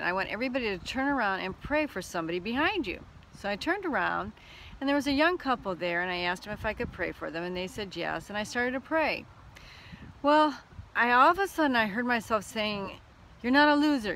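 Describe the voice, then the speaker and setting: A woman's voice: mid-range voice, pushed and bright, slight background noise, low-quality recording. A woman teaching about prophecy, telling a personal church story in a casual way and acting out the voices in it.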